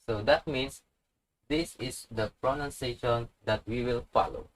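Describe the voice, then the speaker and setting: Male tutor, slow deliberate delivery, mid-pitched, patient and repetitive. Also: low-quality recording. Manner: patient, repeats each example word slowly. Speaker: language teacher.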